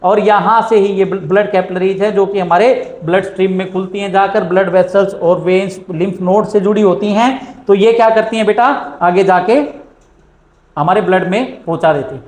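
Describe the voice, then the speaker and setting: A man with an Indian accent teaching a science class, who asks questions and answers them himself and reads English lines slowly. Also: high voice, steady tone, a little mellow. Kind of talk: classroom lecture. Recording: echoey room.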